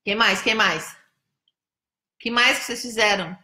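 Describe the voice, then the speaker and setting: A woman's voice: medium pitch, unhurried, bright, forceful tone, reverberant. A Brazilian woman hosting a casual live stream, chatty and teasing as she greets viewers by name. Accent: Brazilian Portuguese. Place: indoors, home in São Paulo.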